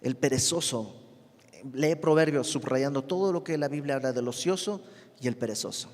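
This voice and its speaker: A man's voice: mid-range voice, normal speed, darkish tone. Mexican man teaching Bible, reverberant. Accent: Mexican Spanish. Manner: conversational, asks the listener questions. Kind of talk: verse-by-verse Bible study.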